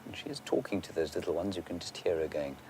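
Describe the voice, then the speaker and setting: A man working as a safari guide, giving unscripted live wildlife commentary and answering viewer questions, sometimes hushed toward a near-whisper. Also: low voice, lively intonation, quick pace. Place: outdoors in an open safari vehicle. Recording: outdoor vehicle and bush ambience noise.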